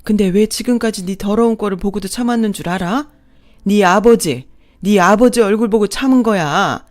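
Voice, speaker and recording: A woman's voice: medium pitch, normal speed, natural voice. A woman playing a fierce, defiant mother-in-law. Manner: forceful, cutting, defiant. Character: long-suffering mother-in-law, finally fierce.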